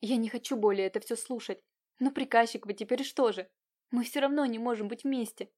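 A woman's voice: fairly high pitch, fairly quick, darkish tone, lightly acted. A woman voicing a proud, naive young noblewoman in an audiobook, giving nervous, clipped replies. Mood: cold.

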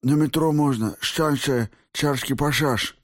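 A man's voice: fairly high pitch, big pitch swings, slow, dry recording, clean studio sound, voice pushed up, exaggerated voice. A man voicing an injured, bald male thug who lisps through a wrecked jaw and pleads in panic. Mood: scared, lisping. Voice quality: lisping.

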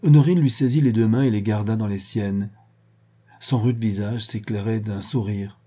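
A man narrating a classic novel as an audiobook, in a measured, even reading. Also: on the low side, breathy edge. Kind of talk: scripted narration.

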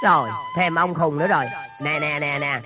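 An actor playing a quick-tempered, bickering middle-aged father in a comic family skit, scolding and exasperated, with music behind. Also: a little high, steady tone, natural voice. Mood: irritated.

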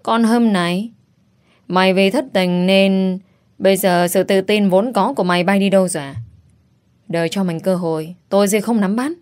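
Woman playing a brash young roommate, loud, blunt, teasing, bossy but caring, storybook audio. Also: medium pitch, fairly even intonation, moderate pace, natural voice.

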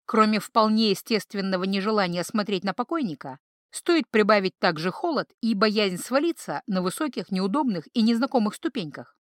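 Lady reading a fantasy audiobook, even and clear, dry close sound. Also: mid-range voice, moderate pace, no echo. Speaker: audiobook reader. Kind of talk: scripted narration.

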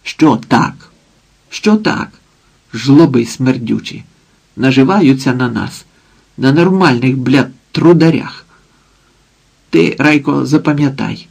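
A man with a gravelly, husky voice voicing a coarse, bossy drunken village mother who nags and threatens her daughter. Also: medium pitch, takes it slowly, pauses often, a little mellow, exaggerated voice. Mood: scolding, coarse. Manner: crude, nagging, threatening.

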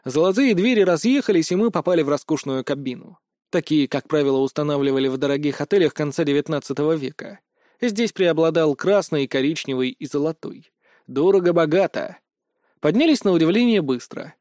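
A man reads a first-person novel aloud with a wry, lively touch. His voice sits fairly high, recorded close and dry with no room sound. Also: a little fast, no echo. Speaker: audiobook narrator. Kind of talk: first-person scripted narration.

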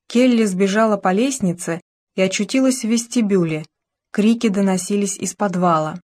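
A woman narrating an audiobook in a measured, even storytelling manner. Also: medium pitch.

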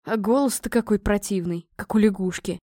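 A woman voicing a crude, grubby male vagabond suitor in a low, whining, boorish voice. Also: moderate pace, warm tone, no room sound, clean studio sound, lightly acted. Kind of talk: audiobook reading.

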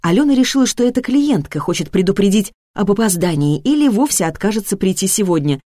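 A woman reading a novel aloud as narrator, with expressive storytelling that shifts tone with the scene. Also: medium pitch, fast talker, no room sound, studio quality. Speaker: audiobook narrator. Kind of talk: scripted narration.

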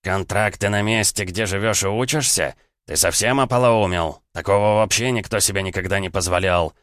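A man's voice: low-pitched, moderate pace, fairly bright tone, no echo, clean studio sound. A man voicing an enraged, imperious male fallen angel who throws out accusations. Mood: outraged.

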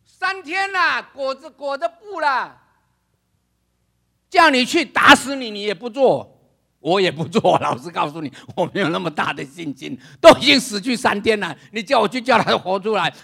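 An older male pastor preaching a sermon. He is dramatic, acts out other people's voices, laughs and shouts for emphasis. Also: sits high, animated, moderate pace, creaky.

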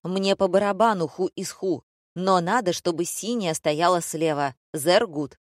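A woman voicing a loud, rude, bossy male theatre director who shouts mocking, theatrical insults in an audiobook. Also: on the low side, measured pace, no room sound, studio quality, close to an everyday voice. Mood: barking, mocking. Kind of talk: audiobook character voice.

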